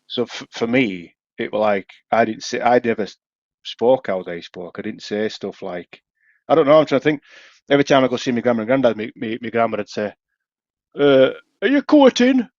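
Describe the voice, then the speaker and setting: A man's voice: medium pitch, fairly quick, no room sound. A man with a broad Yorkshire accent co-hosting a podcast, telling rambling stories in casual banter. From Yorkshire, England. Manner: chatty, rambling storyteller. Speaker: podcast co-host. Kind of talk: casual pub-banter chat. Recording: dry, slightly dull podcast audio.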